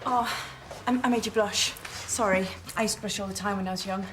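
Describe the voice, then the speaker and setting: A woman's voice: mid-range voice, steady tone, fairly quick, noisy background, lightly acted. An actress playing a nervous, chatty young woman in a TV soap who rambles and puts herself down. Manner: chatty, rambling, self-deprecating. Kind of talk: TV soap acting.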